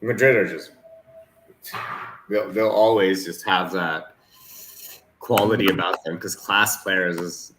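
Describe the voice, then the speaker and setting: A man's voice: sits low, takes it slowly, pauses often, noisy background. A Canadian man co-hosting a football watchalong in casual chat, ranting and swearing freely. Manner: profane, ranting, animated.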